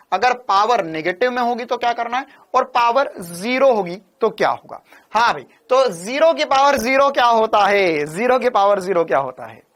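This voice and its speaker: A man's voice: high-pitched, a bit bright. A male physics teacher giving an online coaching class, repeating phrases and firing questions at his students. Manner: keeps asking viewers to confirm and give a thumbs up.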